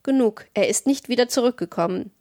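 A woman reading a storybook, voicing an old villager who calmly reports news of the dead and departed. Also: on the high side, a little fast, no echo, studio quality, lightly acted. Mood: matter-of-fact. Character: old villager with a thin, whistling voice.

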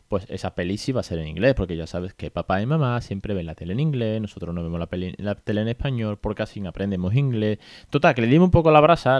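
A Spain Spanish man talking casually on his podcast, with a lowish voice. He tells things in a chatty, colloquial way, full of asides to his listeners. The sound is dry and close, with no room around it. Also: darkish tone, no echo. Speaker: podcast host and father.

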